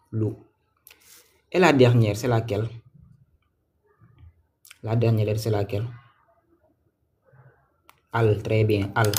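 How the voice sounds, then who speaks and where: A man's voice: on the low side, a little mellow, breathy edge. A man teaching Quran reading in a live-streamed lesson, patient and repetitive, who quizzes his viewers and thanks them by name. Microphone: livestream mic.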